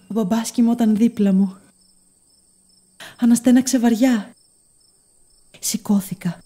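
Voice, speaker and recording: A woman giving first-person scripted story narration in a soft, measured, dreamy way. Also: fairly high pitch.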